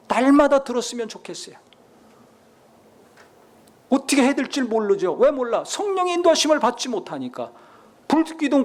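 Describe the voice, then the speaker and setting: A male pastor preaching a sermon, full of rhetorical questions and acted-out scenes. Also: very high-pitched.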